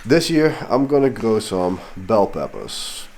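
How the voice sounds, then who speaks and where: In a casual vlog, a Dutch pepper grower and fertilizer maker explains his growing routine in English, his second language, with a Dutch accent. His very low, a little mellow voice is very animated yet slow, frank and explanatory, drawing out the words he stresses over a faint background hum.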